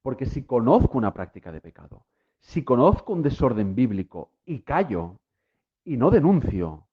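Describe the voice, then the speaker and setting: A man's voice: mid-range voice, very animated, moderate pace, husky. A man preaching a sermon to listeners at home, emphatic, with repeated refrains that build to impassioned peaks. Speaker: lay preacher. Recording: tinny phone-like sound.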